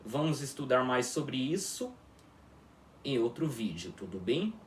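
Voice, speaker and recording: Slow, echoey man teaching a language lesson. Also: medium pitch, big pitch swings, a little hiss or hum. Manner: slow, repetitive, checks in with listeners constantly. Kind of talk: formal video lesson. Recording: echoey room, voice from far off.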